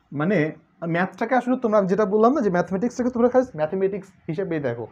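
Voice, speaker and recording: Here a young man whose voice sits high and a bit mellow gives online calculus lessons; he's talkative, jokes around with his students, and drops English words into what he says. It's captured in muffled, lo-fi sound.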